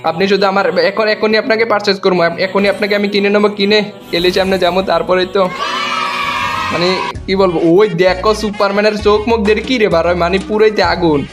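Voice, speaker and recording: Loud game music backs a young man with a Comilla Bengali accent, a gaming YouTuber who rattles off commentary almost without a breath. His voice is high and bright, and he excitedly jokes and teases the players he runs into.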